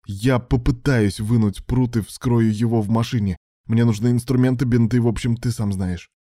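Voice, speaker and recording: A man's voice: mid-range voice, steady tone, normal speed, dark tone, no echo, studio quality, pitched above the performer's own voice, natural voice. A man voicing a determined male surgeon who gives firm, urgent commands.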